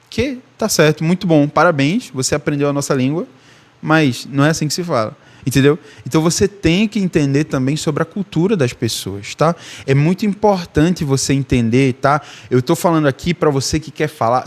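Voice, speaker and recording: A man with a Recife accent from Northeast Brazil, giving a casual online language lesson and checking in often with the listener. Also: fairly high pitch. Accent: Recife Brazilian Portuguese. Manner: casual, chatty, repeats "tá?" and "beleza?". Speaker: language teacher.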